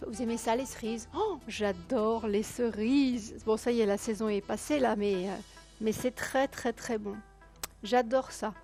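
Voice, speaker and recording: A woman hosts a live call-in television quiz in a high-pitched voice that is hoarse tonight. She chats away and coaxes viewers to phone in, counting down the seconds and correcting her own wording as she goes. Faint music plays underneath. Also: fairly even intonation, moderate pace, darkish tone. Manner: chatty, coaxing viewers, counting down, correcting herself aloud. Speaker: game show host.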